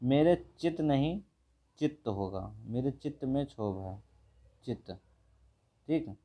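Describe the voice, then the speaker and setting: A man, teaching a brisk exam revision lesson and going through questions one by one. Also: medium pitch, expressive, dark tone. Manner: brisk, repeats each word and asks the viewer. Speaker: Hindi teacher.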